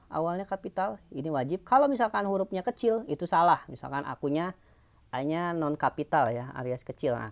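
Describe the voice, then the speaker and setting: A woman's voice: sits low, a little mellow. A woman teacher giving an online lesson, explaining patiently in a chatty way with fillers and tag questions.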